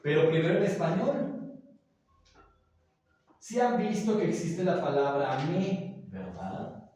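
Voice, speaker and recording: A man's voice: fairly high pitch, expressive, dark tone, slight background noise. Echoey distant male teacher. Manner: patient, explains slowly with many examples and checks. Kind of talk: classroom grammar lecture. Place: classroom. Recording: echoey classroom, from far off.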